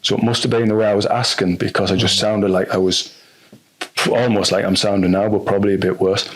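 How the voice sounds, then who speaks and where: A man's voice: fairly low pitch, level tone, a little fast. A man with a North East English accent telling a personal story on a podcast in a frank, rambling way, full of restarts and fillers. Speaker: podcast guest.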